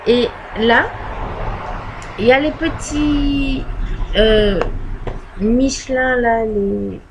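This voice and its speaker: Speaking very slowly in a slightly high voice, a woman shows off her postcard collection in a casual video. She talks hesitantly with lots of fillers, recorded on her laptop's built-in microphone at home, with a noisy background.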